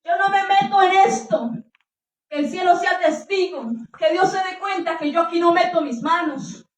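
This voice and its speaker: A stern Roman governor pleads with a crowd in a run of insistent questions, as a woman preacher acts him out. The voice is high. It sounds far from the mic, in a roomy space with echo. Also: moderate pace. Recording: echoey room, distant mic.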